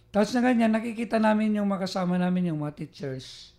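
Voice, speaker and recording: A priest from the Philippines hosting a talk, telling an animated story with laughter. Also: male voice, high-pitched, fairly quick, creaky. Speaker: priest and host. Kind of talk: casual storytelling.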